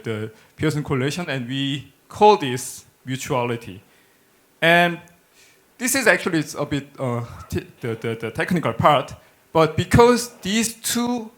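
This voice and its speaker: A middle-aged man with a Korean accent gives a technical lecture in a halting manner, often repeating words as he searches for phrasing. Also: a little high, a bit bright. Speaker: academic researcher presenting a lecture. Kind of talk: technical conference lecture with slides. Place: indoor lecture hall, speaking at a podium.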